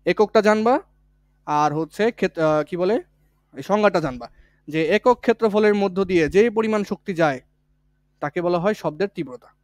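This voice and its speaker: A man teaches a physics lesson for exam prep. His voice sits high, and it is recorded dry and close. He speaks casually and repeats each key point. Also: lively intonation, a little fast, pauses often, dry recording. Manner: colloquial, with village words.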